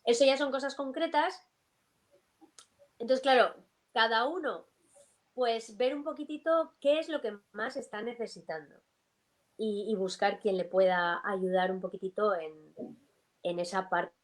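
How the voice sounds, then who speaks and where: A woman vocal coach, explaining breathing and voice in a live video interview, animated and illustrating with sung snippets. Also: a little high, unhurried, pauses often.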